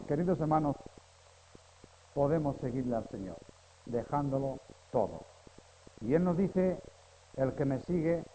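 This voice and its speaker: A man preaching a sermon, dropping to hushed pleading and then rising to loud, emphatic outbursts. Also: a little high. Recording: dull, muffled sound with long church reverb and faint hiss.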